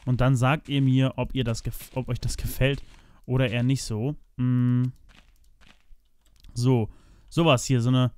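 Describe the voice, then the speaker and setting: A man's voice: medium pitch, level tone, unhurried, pauses often, a little mellow, clean tone. A young man casually commentating his building in a block game, thinking aloud and chatting to viewers as his friends. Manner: chatty, talks to viewers as "meine Freunde"; thinks aloud while building, frequent restarts and fillers. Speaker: let's play host.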